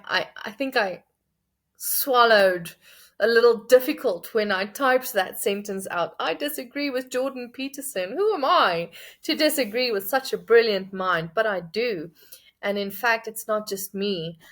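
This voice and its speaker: Slow, earnest woman reflecting aloud. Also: medium pitch, fairly bright tone. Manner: earnest, thinking aloud with hesitant restarts. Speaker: book reviewer. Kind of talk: reflective spoken book review with scripture commentary.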